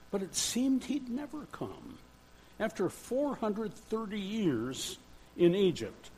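An older man preaching a sermon in a church, earnest and measured, with pauses. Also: a little high, darkish tone, slightly rough, rough recording. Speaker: church speaker.

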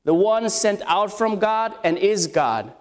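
Slow and expressive, a man with a high-pitched, scratchy voice preaches an expository sermon. He speaks to his listeners as if in conversation, asking them questions. The recording has a long hall reverb.

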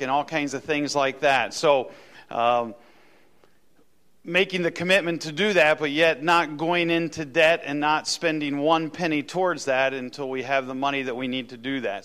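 A man's voice: a little high, steady tone, moderate pace, a bit bright, clean tone. A man speaking as a pastor, addressing his congregation in an introduction for a guest speaker.

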